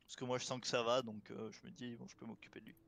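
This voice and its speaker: A man playing a tabletop game, chatting casually in halting, repetitive phrases. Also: mid-range voice, level tone, vocal fry, fairly bright tone. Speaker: player. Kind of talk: casual tabletop role-play chat. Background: background music.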